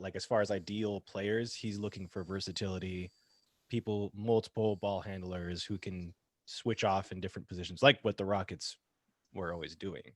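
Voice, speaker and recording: A young man co-hosting a casual sports podcast, giving measured opinions. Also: deep voice, no echo. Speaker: podcast co-host.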